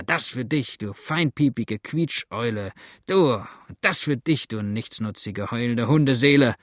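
Man putting on a gruff, cursing frontier settler. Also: on the low side, no room sound, clean studio sound. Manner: cursing, shouting at dogs. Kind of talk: audiobook character voice.

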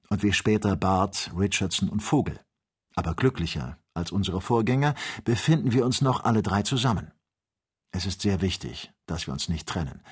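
A man reading the part of a calm, careful male doctor who leads an expedition, speaking in a measured, instructive way. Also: on the low side, breathy edge.

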